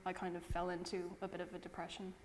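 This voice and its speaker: Brief: young woman interviewee, hesitant, low flat voice. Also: fast, big-room sound. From Ireland. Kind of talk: documentary interview.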